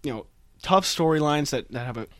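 A man's voice: a little high, expressive, brisk, a bit bright, no room sound, clean studio sound. A man hosting a casual film discussion podcast, talkative and conversational, recorded in an attic. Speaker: podcast host. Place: indoors in a chilly attic.

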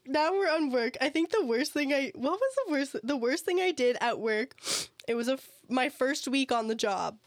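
A woman's voice: high-pitched, animated, moderate pace, hardly any pauses, no room sound, clean studio sound. Chatty young woman telling stories. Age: young adult. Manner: chatty storyteller, lots of "like" and restarts. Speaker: podcast co-host. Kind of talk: casual chat.

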